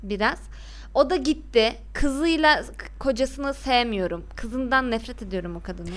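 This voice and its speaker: A young woman in animated casual chat about a TV series, giving blunt, emphatic opinions. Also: on the high side, a little slow.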